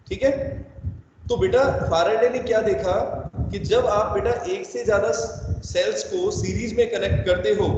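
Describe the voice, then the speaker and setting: A male chemistry teacher with a high voice lectures his students, mixing scolding with step-by-step explanation. The sound rings with a long echo. The recording is dull and carries steady background noise. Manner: scolding then explaining, calls students beta. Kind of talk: online class lecture. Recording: echoey, dull, noisy room recording.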